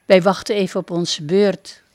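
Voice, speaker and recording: A woman's voice: fairly low pitch, steady tone, moderate pace, a little mellow, no echo, natural voice. Woman voicing a shy young prince. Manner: modest, shy.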